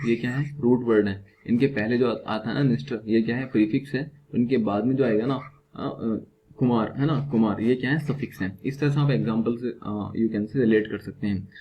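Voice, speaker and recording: An Indian man teaches a vocabulary lesson in a steady, mid-pitched voice. He keeps posing questions to his students and answering them himself. The recording sounds dull and lo-fi, with a faint hiss underneath. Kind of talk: vocabulary lecture.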